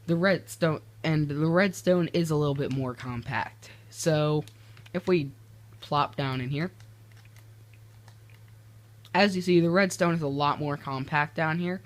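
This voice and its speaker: Teen male gamer, slightly high voice, rambling commentary at a desk mic, keyboard clicks behind. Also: unhurried, pauses often. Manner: rambling, self-interrupting, easily exasperated. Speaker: gaming video creator. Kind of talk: casual gameplay commentary.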